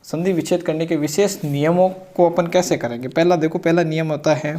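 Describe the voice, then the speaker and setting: A man teaching a grammar lesson, explaining slowly, repeating points and answering his own questions. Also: fairly high pitch, steady tone, warm tone.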